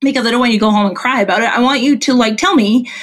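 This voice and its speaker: A woman's voice: on the high side, rapid-fire. A woman interview guest explaining her views like a coach, blunt and informal, often acting out imagined dialogue. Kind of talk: casual explanatory interview talk.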